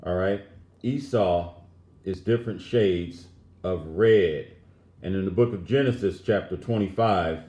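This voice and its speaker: A man's voice: deep voice, mellow, roomy sound. A man teaching a Bible lesson, emphatically reading scripture aloud and commenting on it as he goes. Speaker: religious teacher.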